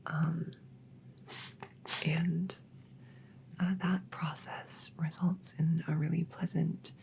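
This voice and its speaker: A woman playing a shy, smitten elf neighbor in a whispered role-play, soft and breathy, stammering hesitantly as she gently cares for the listener. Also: low-pitched, little pitch movement, slow, full character voice, poor audio. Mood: gentle, caring. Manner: hesitant, stammering, awkward rambling.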